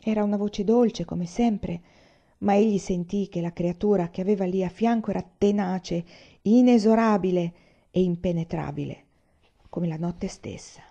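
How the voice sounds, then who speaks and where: A woman reading a literary novel aloud in a measured, even storytelling voice. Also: mid-range voice. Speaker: audiobook reader. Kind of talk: literary narration read aloud. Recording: slightly dull lo-fi recording.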